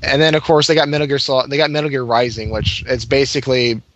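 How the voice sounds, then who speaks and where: A man's voice: mid-range voice, flat delivery, quick pace, a bit bright, dull audio, a little hiss or hum. A man chatting casually about video games, rambling with lots of fillers and restarts. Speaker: podcast co-host.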